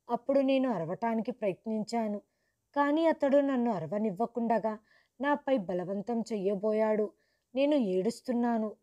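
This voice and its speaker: A woman telling a first-person story in a steady, earnest narrating voice. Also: fairly high pitch, dull audio.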